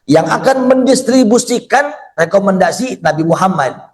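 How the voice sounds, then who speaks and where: Man, high voice, fiery storytelling sermon, sudden shouts, hushed lines, questions the audience. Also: expressive, normal speed. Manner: addresses the audience directly and often. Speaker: preacher.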